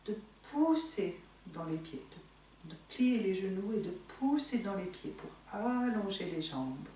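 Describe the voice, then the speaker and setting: A woman teaching yoga in a soothing, unhurried, gently encouraging manner, giving slow guided instructions. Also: mid-range voice. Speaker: yoga teacher leading a morning class. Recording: echoey room, distant mic, faint noise.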